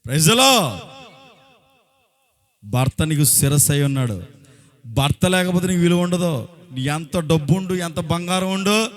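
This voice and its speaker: A pastor from Andhra Pradesh preaches a sermon in a fairly high voice. He talks colloquially, throwing rhetorical questions at the congregation and exhorting them. His voice now and then swells when he drives a point home. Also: lively intonation, normal speed, long pauses. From Andhra Pradesh, India. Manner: exhorting, often breaking into short acted quotes and raising his voice.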